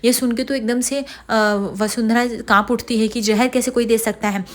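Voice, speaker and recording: A woman's voice: fairly high pitch, steady tone, normal speed. Woman casually recapping a TV serial. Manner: informal, repetitive linking phrases, hesitant fillers. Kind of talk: casual spoken story recap.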